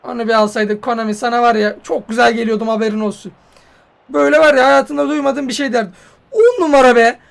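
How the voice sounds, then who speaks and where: A man commentating on his own football video game match, yelling and swearing at the game when it goes wrong. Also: very high voice, steady tone, quick pace, gravelly. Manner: hot-tempered, swears and yells at the game. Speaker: gaming YouTuber.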